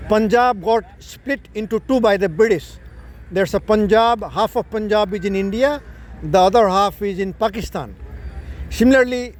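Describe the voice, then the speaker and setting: A man's voice: high voice, slight background noise. A man from Nepal, a startup founder, talking through his idea in a casual monologue that explains and rephrases as he goes. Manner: explanatory, repeats and rephrases points.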